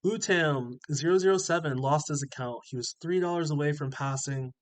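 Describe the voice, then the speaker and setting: A man with a fairly high voice hosts a trading channel at a moderate pace, his nose stuffy and sniffling. He reads out viewer comments and reassures people in a casual, encouraging way.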